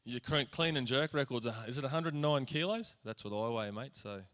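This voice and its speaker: A man's voice: medium pitch, animated, brisk, a bit bright. An Australian man hosting a school sports awards night in a hall, chatting with guests in a chummy way. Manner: chummy, keeps saying "mate". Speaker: master of ceremonies.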